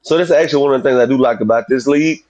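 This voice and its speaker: A man in his thirties chatting casually as an interview guest, using relaxed slang, with slurred, slushy s sounds. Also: medium pitch, rapid-fire. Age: 30s. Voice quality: slurred, slushy sibilants from a mouth grill. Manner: informal, slangy, frequently saying "man". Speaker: professional boxer, interview guest.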